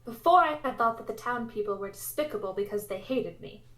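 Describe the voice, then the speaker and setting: Girl voicing a earnest dramatic young princess from a visual novel, highish voice, roomy echo. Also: expressive, fairly quick, a bit bright. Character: young princess, earnest, indignant, cursed heroine. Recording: roomy, echoey sound.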